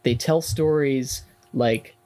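A young man in a casual class discussion, talking haltingly with many fillers and restarts. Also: mid-range voice, a little mellow, poor audio.

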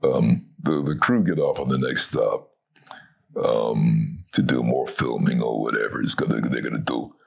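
A middle-aged man from Barbados with a deep, gravelly voice, telling a long story in a relaxed conversation and acting out the people in it. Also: moderate pace. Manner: animated, acts out the voices of people in his story. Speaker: guest, voice actor.

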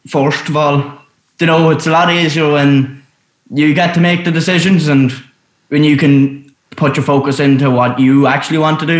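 A young man with an Irish accent chatting casually as a podcast guest, cheeky and bantering. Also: a little high. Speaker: podcast guest, film studio co-founder. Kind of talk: casual interview chat. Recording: roomy, echoing sound.

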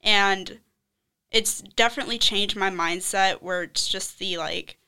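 Bright, emphatic young woman. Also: mid-range voice, a little slow, clean tone. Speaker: student panelist. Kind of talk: casual panel discussion.

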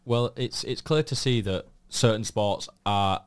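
A man with a Yorkshire accent co-hosts a podcast in a casual, conversational way. His voice sits on the low side for a man, and the sound is dry and close, with no room echo. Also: unhurried, smooth. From Yorkshire, England. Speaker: podcast co-host. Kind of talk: casual discussion.

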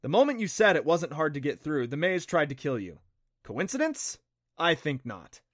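A man's voice: fairly high pitch, very animated, moderate pace, a bit bright, no room sound, studio quality. A man voicing a sarcastic, stubborn preteen boy in an audiobook, with a wry, teasing delivery.

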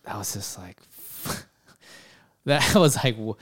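A man retelling stories in a casual chat, animated and swearing, often laughing. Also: mid-range voice, takes it slowly, slight background noise.

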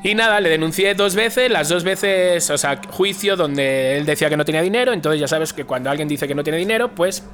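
A man's voice: a little high, a little fast, few pauses. A man telling a story in a casual chat, acting out the voices in what he quotes. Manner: animated, acts out quoted dialogue.

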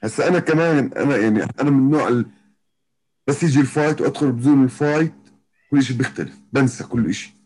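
Poor audio carries a fast, darkish, medium-pitched voice belonging to a Jordanian professional MMA fighter. He has a Palestinian-Jordanian Arabic accent and chats casually as an interview guest, frequently retracing his phrases.

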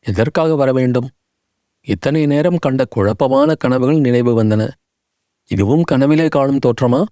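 Man, audiobook narrator, measured dramatic storytelling, close studio mic, dry sound. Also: medium pitch, mellow, dry recording.

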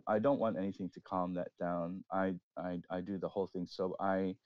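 Deep-voiced man, halting and restarting. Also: level tone, no echo, muffled recording. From Singapore. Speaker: DJ and guest. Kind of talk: casual podcast chat.

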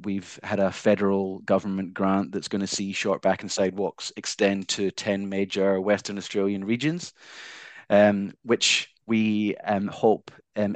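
Man, low voice, soft Scottish accent, hesitant, careful enunciation, dry close sound, interview guest. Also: no room sound. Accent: Scottish, softened. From Glasgow, Scotland. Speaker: founder of a not-for-profit, interview guest. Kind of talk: conversational interview answers.

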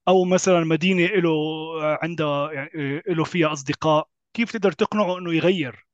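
Co-hosting a casual discussion, a man with a Levantine Arabic accent reasons through measured objections. His voice is on the high side, and the slightly dull recording has no room sound.

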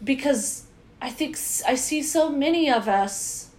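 A woman's voice: sits high, measured pace. A woman co-hosting a casual chat, joking and self-deprecating as she talks. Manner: jokey, animated, self-deprecating.

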